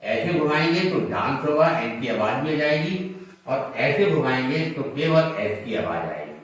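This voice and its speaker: Guy teaching shorthand, slow patient step by step, boomy room, sounds far away. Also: sing-song. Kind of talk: classroom lesson at a board. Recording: echoey room, mic far off.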